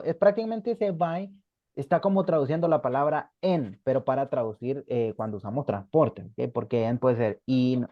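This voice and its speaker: A man's voice: medium pitch, warm tone, dry recording. A man teaching a beginner English class online in Spanish, patiently repeating examples and checking in with the students.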